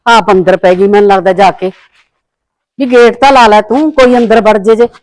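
ਇੱਕ ਔਰਤ ਵੱਲੋਂ ਨਿਭਾਈ ਬੁੜਬੁੜਾਉਂਦੀ ਸੱਸ, ਸੁੱਕੀ ਆਵਾਜ਼. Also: female voice, medium pitch, fairly even intonation, normal speed, a little mellow, dry recording, natural voice. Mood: grumbling. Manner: grumbling, defiant. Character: sharp-tongued defiant mother-in-law. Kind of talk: Punjabi web drama acting.

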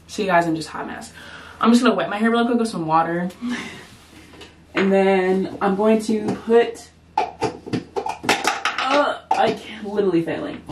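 Chatty young woman vlogger, noisy recording. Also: mid-range voice. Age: young adult. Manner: slangy, chatty, self-deprecating. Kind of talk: casual chat to camera. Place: small bedroom, car, gym locker room. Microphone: handheld camera at arm's length.

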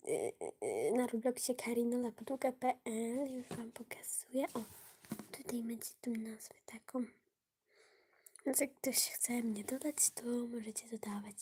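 A woman's voice: on the high side, a little mellow, breathy edge. A woman live-streaming games who talks to her viewers, often slipping into a whisper, her voice touched by a cold and easily flustered when she loses. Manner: often drops to a whisper while playing. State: voice affected by a cold. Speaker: gaming livestreamer. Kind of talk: casual live gaming stream.

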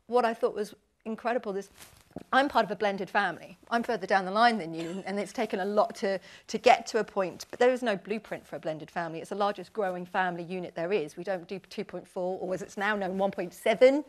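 A woman in her forties, a podcast host speaking on a panel at an industry event, talking earnestly and with animated emphasis. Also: mid-range voice. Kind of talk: candid panel discussion.

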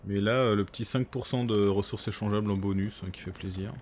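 A man's voice: on the low side, steady tone, fast talker, a little mellow, slight background noise. A man giving casual co-op strategy game commentary, muttering through menus as he thinks aloud. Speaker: gaming streamer.

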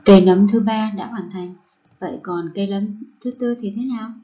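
A woman primary school teacher giving a recorded lesson to first graders, reading rhymes and words aloud slowly and clearly. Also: medium pitch, lo-fi sound.

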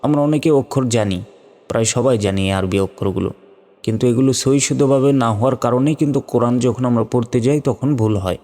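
A man teaching Arabic letter pronunciation in a slow step-by-step lesson, drawing out and repeating each sound. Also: medium pitch, dark tone. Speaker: Quran teacher. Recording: long hall reverb with faint music.

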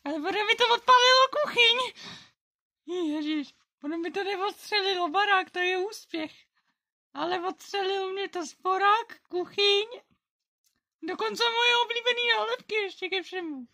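A woman's voice: very high-pitched, pushed and bright, exaggerated voice. A young female performer voicing a flustered female unicorn pony in a home-made toy play, babbling to herself as she fumbles through chores. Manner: scattered, babbling, self-talking.

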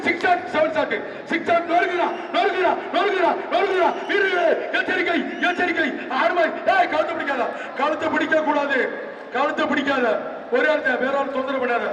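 A man calling a bull-taming event through a public-address loudspeaker, excited and shouting repeated short cries. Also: extremely high pitch, a little fast, dull audio, a little hiss or hum. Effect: heard through a public-address loudspeaker. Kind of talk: live commentary over loudspeaker. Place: open-air arena with a large crowd. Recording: echoing loudspeaker from far off over crowd.

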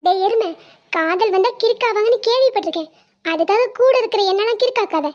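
A woman's voice: very high-pitched, quick pace, darkish tone. A woman voicing a young wife in a cartoon, clingy and sulky, pleading and teasing in banter. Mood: exasperated. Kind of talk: cartoon dubbing. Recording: dull lo-fi sound.

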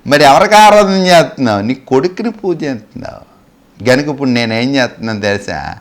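A male preacher, preaching a sermon as animated storytelling, asking the congregation rhetorical questions and acting out the characters' dialogue. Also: medium pitch, brisk. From Andhra Pradesh, India.

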